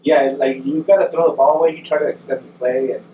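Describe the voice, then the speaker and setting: A man's voice: medium pitch, fairly even intonation, fast, mellow. A man in casual, slangy, sweary conversation as a co-host, feeling the burn of spicy food. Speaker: podcast co-host. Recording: distant mic, echoey noisy room.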